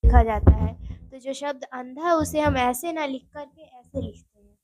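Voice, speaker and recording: A woman's voice: high-pitched, normal speed, a little mellow, no room sound, rough recording. A woman teaching Hindi spelling for exam preparation, explaining words step by step and chatting directly to her viewers. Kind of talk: spoken exam-prep lesson.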